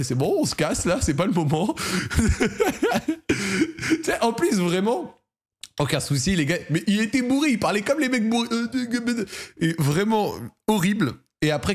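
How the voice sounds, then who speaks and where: A young man with a Parisian French accent, casually telling his viewers a story in a slangy, animated way, laughing as he goes. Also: on the high side. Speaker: streamer hosting a football debrief.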